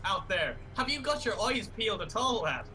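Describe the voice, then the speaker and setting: A man playing a swearing rough homeless guy. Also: high voice, sing-song, normal speed, sharp tone, full character voice. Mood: confrontational. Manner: swearing, confrontational.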